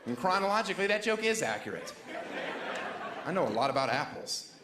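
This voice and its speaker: Sardonic stand-up comedian on stage. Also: male voice, fairly quick, background noise. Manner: sardonic, deadpan asides with shrill mock voices. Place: comedy club stage before a laughing audience. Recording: echoey room with loud crowd.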